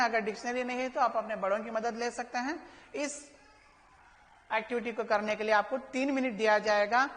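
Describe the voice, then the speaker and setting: A woman teaches a recorded class for young pupils, pitched a little high. She talks them through each point patiently, asking questions and answering them herself, and reads English sentences aloud slowly and carefully. Her voice rings with a long reverberant echo. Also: a bit bright. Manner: slow, patient explaining with rhetorical questions to pupils. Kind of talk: recorded online class for children.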